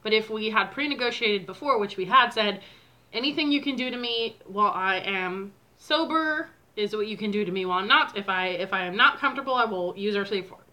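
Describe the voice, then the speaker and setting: A woman's voice: medium pitch, fairly quick, pushed and bright. A woman co-hosting a casual chat, giggly and chiming in. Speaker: co-host.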